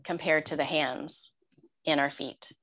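A middle-aged woman, a meditation teacher, talking in a gentle, thoughtful and unhurried way in an interview. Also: low voice, fairly even intonation. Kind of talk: conversational interview.

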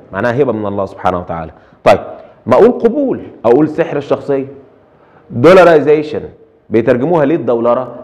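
A man's voice: mid-range voice, darkish tone, muffled recording. A middle-aged man with an Egyptian accent giving a translation lecture, asking rhetorical questions and dropping English terms into his Arabic. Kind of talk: recorded lecture.

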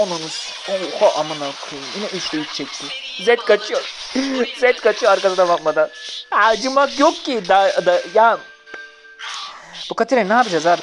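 Excitable, foul-mouthed gamer with loud background noise. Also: medium pitch. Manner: excitable, swears freely, cheers and scolds teammates. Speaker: mobile game player commentating own match. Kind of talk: gameplay commentary.

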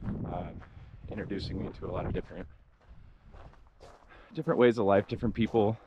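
A man's voice: low voice, brisk, dull audio, background noise. A young man talking casually as a hiking vlogger, laid-back and rambling with lots of fillers, recorded outdoors on an arm's-length camera. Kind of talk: casual walking vlog. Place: outdoors at a desert festival campground. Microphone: action camera held at arm's length.

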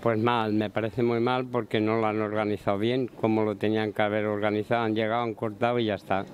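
A man's voice: on the low side, little pitch movement, quick pace. An older man interviewed on a town street who complains indignantly. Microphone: handheld reporter mic. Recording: street noise behind.

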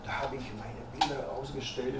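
Speaking German with a Croatian accent, a guest lecturer in his 50s keeps a steady, medium-pitched tone at a slightly fast pace while hesitating through frequent "äh" fillers. A distant room camera records him in a dim, projector-lit salon before a small audience, giving echo and faint noise.

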